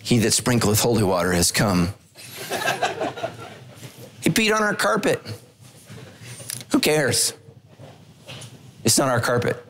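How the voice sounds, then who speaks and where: A middle-aged pastor preaches a sermon from a large church stage, speaking into a handheld microphone. He tells stories in an animated way with humorous asides, his pitch swinging widely, though he speaks slowly and pauses often. Slight background noise can be heard.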